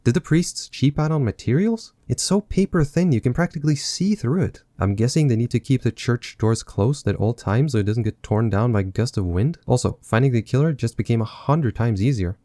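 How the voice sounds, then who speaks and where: A man's voice: medium pitch, fairly quick, hardly any pauses, mellow, no room sound. A man recapping a film with sarcastic, mocking asides. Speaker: film reviewer. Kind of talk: sarcastic movie recap commentary.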